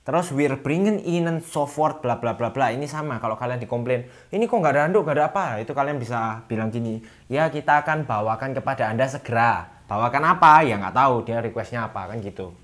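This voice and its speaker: A young man talks through a relaxed language lesson in a loose, chatty way. He acts out little sample complaints in a livelier voice, then slows down carefully to say each foreign phrase. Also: medium pitch. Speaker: language teacher. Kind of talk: casual lesson explaining phrases.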